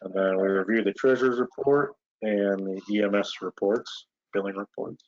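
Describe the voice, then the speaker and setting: Low-voiced mayor, rambling and relaxed. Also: male voice, moderate pace. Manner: relaxed, rambling with many fillers. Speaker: village mayor chairing board meeting. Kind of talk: casual meeting talk. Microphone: video call. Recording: muffled lo-fi video call audio.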